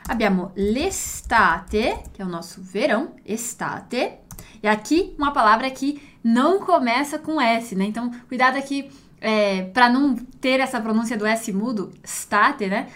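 Woman, language teacher, a bit high-pitched, slow careful model words. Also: lively intonation. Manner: switches between Portuguese and Italian, repeats words slowly to model pronunciation. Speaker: Italian teacher. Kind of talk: language lesson explaining proverbs.

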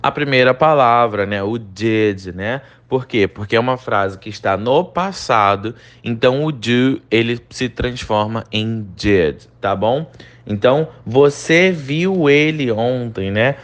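Brazilian male English teacher, mid pitch, patient step-by-step explainer, reads examples out slowly. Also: highs cut off. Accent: Brazilian Portuguese. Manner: explains step by step, often asks "né?" and "ok?". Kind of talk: recorded online lesson.

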